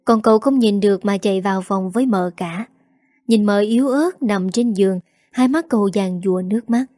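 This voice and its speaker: Mellow-voiced woman narrating a story. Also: mid-range voice, normal speed, dry recording, studio quality. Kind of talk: scripted narration.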